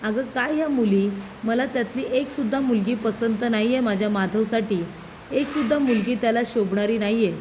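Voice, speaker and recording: A woman's voice: on the high side, moderate pace, darkish tone, slight background noise, close to an everyday voice, rough recording. A woman reading out the lines of an impatient, scolding middle-aged family man. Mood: irritated. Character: bossy middle-aged male household head.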